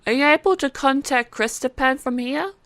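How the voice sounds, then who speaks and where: Perceptive young cat-alien girl, good-humored, wry, highish voice, dry sound. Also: moderate pace, a bit bright, no room sound. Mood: cheerful. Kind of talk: audiobook character acting.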